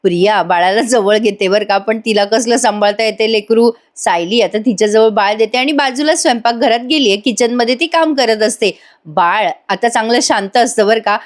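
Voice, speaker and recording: A woman's voice: a little high, normal speed. A woman narrating a voice-over recap of a TV serial in a chatty, giggly storytelling way. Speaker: episode review narrator.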